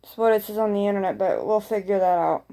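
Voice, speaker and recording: A woman's voice: mid-range voice, fast talker, dark tone. A woman vlogger chatting casually to her viewers in a rambling way, often repeating phrases for emphasis.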